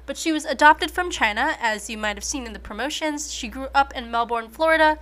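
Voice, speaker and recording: A woman's voice: sits high, fairly quick, a bit bright. A young woman in her twenties, from the United States, hosting a casual podcast interview in an upbeat, chatty way. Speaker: podcast host.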